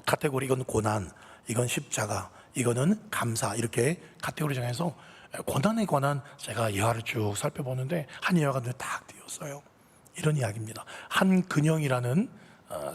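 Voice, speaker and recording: Brief: lively male preacher, husky tone, long church-hall reverb. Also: mid-range voice. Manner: animated storytelling. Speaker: pastor. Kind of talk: sermon. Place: church sanctuary.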